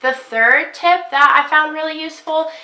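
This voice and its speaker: A sick young woman with a congested, high-sitting, sharp voice talks at a moderate pace about her fitness week, casually addressing the camera with many ums. She's a fitness vlogger, and the audio is poor and echoey.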